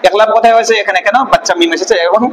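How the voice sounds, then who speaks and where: A man with a high voice teaches Quran reading, spelling out syllables one at a time. He asks his own questions and answers them right away. His voice rings with a long reverb, as if in a large echoey hall. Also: steady tone, rapid-fire. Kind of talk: spelling-out recitation lesson.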